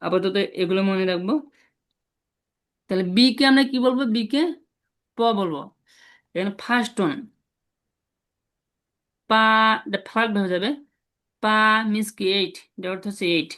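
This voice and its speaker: A man's voice: high-pitched, fairly bright tone. Patient man teaching sounds. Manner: patient, repeats sounds slowly for students to copy. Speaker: language teacher. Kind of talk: online language lesson. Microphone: video call.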